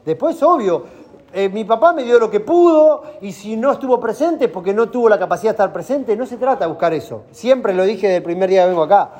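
A man's voice: high voice, animated, fast talker, a little mellow. A man with a Rioplatense accent guiding a group talk and explaining his points patiently. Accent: Rioplatense Spanish. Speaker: talk facilitator.

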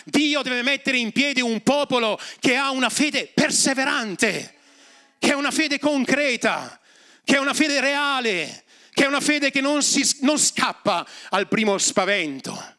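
A man preaching a sermon as pastor, moving from hushed, intimate lines to rising, emphatic refrains. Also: very high voice, animated, a little slow. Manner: repetitive, building refrains. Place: church.

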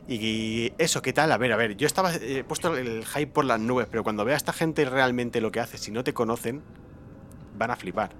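A man's voice: medium pitch, normal speed, slight background noise. A man from Spain hosting a stream, chatting casually over a video call with many fillers and restarts. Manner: lively, hesitant with fillers and repeats. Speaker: stream host. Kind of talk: casual chat.

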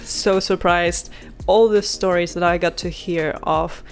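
A woman's voice: lowish voice, unhurried, soft background music. Giggly woman hosting a podcast. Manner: lively, giggly storytelling. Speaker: podcast host. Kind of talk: scripted narration.

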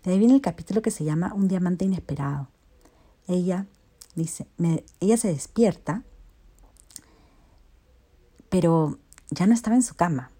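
A woman's voice: lowish voice, normal speed, pauses often, warm tone, breathy edge. A woman telling a dramatic love story, moving between narrator and first person.

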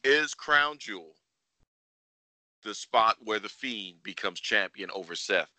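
A man's voice: lowish voice, pushed and bright, no echo. A man hosting a casual sports podcast, speculating in a teasing, opinionated way. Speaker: wrestling podcast host.

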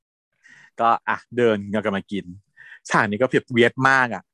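A man's voice: medium pitch, brisk, dry recording. Laughing man recapping a series. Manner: animated storytelling, laughs often, acts out quotes. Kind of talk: casual chat recapping a series.

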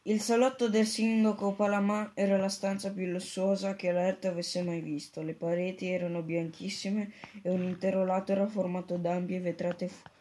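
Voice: mid-range voice, dark tone. A narrator reading a children's book aloud steadily, with small slips. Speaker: audiobook narrator.

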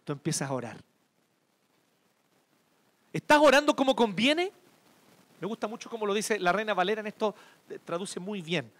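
Male preacher, Chilean accent, high and very lively pitch, expressive sermon delivery. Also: moderate pace, long pauses. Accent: Chilean Spanish. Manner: expressive, swings between loud emphasis and hushed tenderness. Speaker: pastor.

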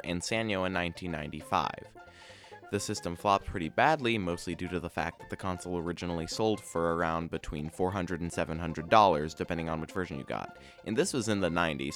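A man's voice: deep voice, a bit bright. A man hosting a podcast, reading scripted explainer narration about video game trivia in a dry, matter-of-fact way. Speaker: podcast host.

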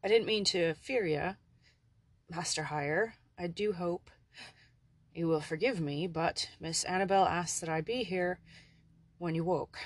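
Narrator doing a gravelly old Irish manservant. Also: medium pitch, measured pace, long pauses, no echo, natural voice. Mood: courteous. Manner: polite, folksy old-fashioned speech. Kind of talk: audiobook character voice.

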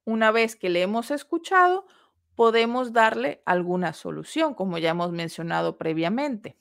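Woman teaching a measured lecture. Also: mid-range voice, lively intonation, creaky. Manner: measured, explanatory, with pauses and rhetorical questions. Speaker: course instructor. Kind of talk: recorded lecture on customer service.

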